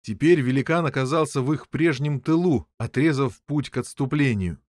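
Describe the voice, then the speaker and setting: A man narrating an audiobook with expressive storytelling. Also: mid-range voice, normal speed, no room sound, studio quality. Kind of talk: scripted narration.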